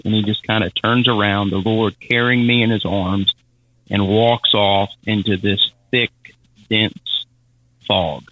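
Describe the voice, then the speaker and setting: A man telling a personal faith testimony as a podcast guest, halting and repeating words as he speaks. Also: on the low side, no echo, narrow, tinny audio. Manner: halting, repeats words, Southern-style casual phrasing.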